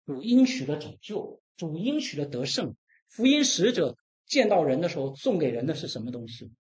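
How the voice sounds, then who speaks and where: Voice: medium pitch, sing-song, normal speed, breathy edge. A preacher delivering an emphatic sermon, asking the congregation rhetorical questions and acting out scripture dialogue.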